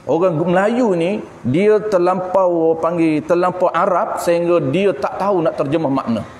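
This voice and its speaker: A man's voice: high voice, measured pace, a little mellow. Malaysian man teaching a religious class. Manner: explanatory, repeats key terms, asks and answers his own questions. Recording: echoey hall with faint background noise.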